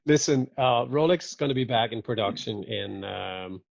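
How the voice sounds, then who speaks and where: A man's voice: medium pitch, moderate pace, gravelly, no echo. A man chatting casually as a guest on a video call, joking and laughing often with rambling asides. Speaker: guest watch collector. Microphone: video call mic. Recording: dull lo-fi call audio.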